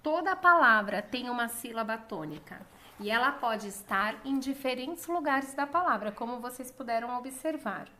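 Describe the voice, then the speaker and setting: A woman with a Brazilian Portuguese accent teaching a lesson, calling out words slowly and drawing out the stressed syllable. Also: fairly high pitch, expressive, sharp tone. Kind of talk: slow, clear classroom lesson.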